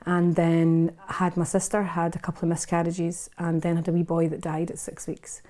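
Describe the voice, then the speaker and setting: A Scottish woman in her fifties speaks as a podcast guest, candid and unguarded as she tells her own story. Her voice sits low and mellow, and she often stops and restarts mid-sentence. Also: monotone, normal speed. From Scotland. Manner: frank and unguarded, with frequent restarts. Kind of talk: candid personal storytelling in a casual interview.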